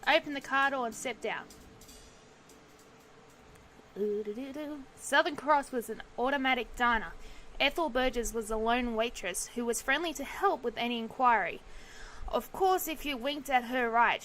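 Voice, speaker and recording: Bright-voiced woman streamer reading a game. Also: on the high side, normal speed, slight background noise. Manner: breaks off narration for sudden exclamations and swearing. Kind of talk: reading game text aloud with casual reactions.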